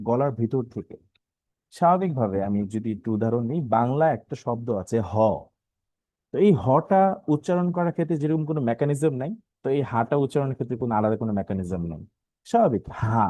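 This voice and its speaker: A man teaching an online Quran recitation lesson, patiently repeating each letter sound slowly and pausing often with filler sounds. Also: medium pitch, mellow, no room sound. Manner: halting, with many filler sounds.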